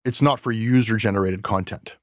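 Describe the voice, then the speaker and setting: A man's voice: on the low side, fairly quick, no room sound. Chatty male podcast host, dry sound. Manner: rambling, chatty, many fillers. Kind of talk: casual chat.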